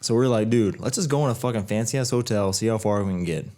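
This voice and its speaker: A man's voice: lowish voice, fast talker, dark tone. A young man hosting a podcast, chatting casually with an old friend, telling stories with plenty of swearing. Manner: laid-back storytelling, heavy swearing. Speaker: podcast host. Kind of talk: casual chat.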